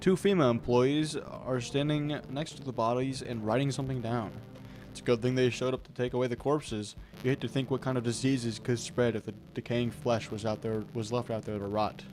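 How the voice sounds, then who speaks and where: A man's voice: medium pitch, fairly even intonation, brisk. Man reading out game text. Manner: casual, wry asides. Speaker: gameplay host.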